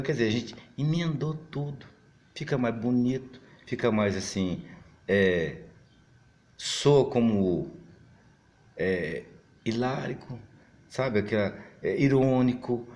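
A man speaking in a casual monologue, chatty and animated, his voice swinging up and down as he talks. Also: measured pace. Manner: animated, big pitch swings, mimics other voices; chatty, frequent fillers and restarts.

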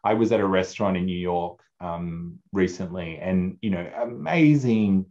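A man's voice: low voice, moderate pace. A man in his forties, a food advocacy guest, talking casually and animatedly on a video call, acting out the people he quotes. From Australia. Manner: animated, acts out quoted people, many restarts. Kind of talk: casual conversational interview. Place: home office, indoors. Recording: dull lo-fi video call audio.

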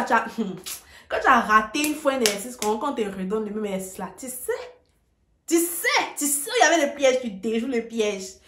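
A woman's voice: fairly high pitch, echoey room. A woman giving a casual video lesson, talking straight to her viewers in an emphatic, direct way. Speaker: English tutor on video.

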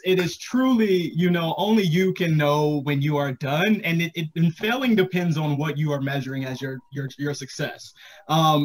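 On a panel video call from a small room at home, a man in his thirties, a podcast creator, talks casually, thoughtful and encouraging while hedging his advice. His voice is on the high side, and the computer call audio is poor.

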